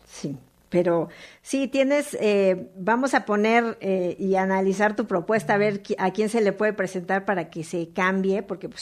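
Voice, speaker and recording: A woman's voice: mid-range voice, a little mellow. A woman hosting a call-in radio show, chatting in a friendly, conversational way. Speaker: radio host.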